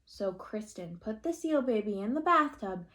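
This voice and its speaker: A woman reading a picture book aloud to children like a teacher, stopping to ask the listeners questions and have them make predictions. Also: medium pitch. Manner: slow and expressive, asking children questions. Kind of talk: children's read-aloud storytime.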